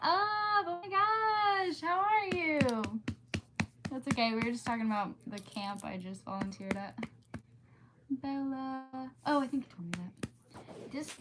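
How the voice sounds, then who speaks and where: There's background noise behind this woman's high voice. She is a livestream host reading a storybook aloud, chatting informally with her audience and readily going off track.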